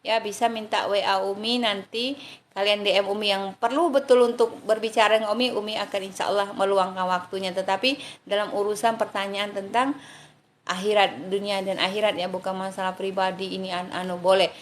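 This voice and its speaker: A woman's voice: medium pitch, steady tone, fairly quick, a little hiss or hum. An Indonesian woman preacher giving a live religious talk, answering viewers' questions, thanking them by name and calling them darling, and now and then reciting Arabic prayers in a chanting tone.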